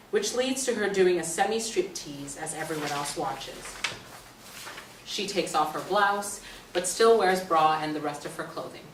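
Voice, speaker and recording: The stage directions in a scripted reading are narrated by a woman with a fairly low voice. She's recorded from a distance in a roomy space with faint noise around her.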